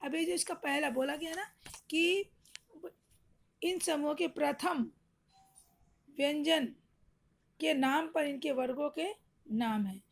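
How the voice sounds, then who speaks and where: A woman's voice: sits high, slow pace, gravelly, long pauses. A woman teacher giving an online grammar lesson to young children, patiently explaining step by step and answering her own questions.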